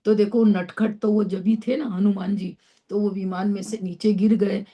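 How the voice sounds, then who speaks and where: A woman from Madhya Pradesh teaching a scripture class, spelling out hard terms slowly and checking in with her listeners. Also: mid-range voice, steady tone, dull audio. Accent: Indore, Madhya Pradesh Hindi. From Madhya Pradesh, India. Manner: slow, spells out terms syllable by syllable, frequent "है ना?" checks. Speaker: religious teacher. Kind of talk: slow scripture class lecture.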